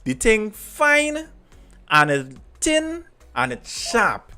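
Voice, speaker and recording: A man with a Trinidadian accent chatting casually and telling anecdotes in animated Creole, repeating phrases for emphasis. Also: extremely high pitch, extremely slow, vocal fry, faint music behind. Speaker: podcast host.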